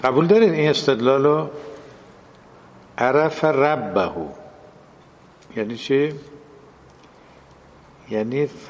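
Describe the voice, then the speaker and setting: A man's voice: mid-range voice, big-room sound. A man giving a religious lecture in a classroom style, explaining and translating quoted Arabic phrases.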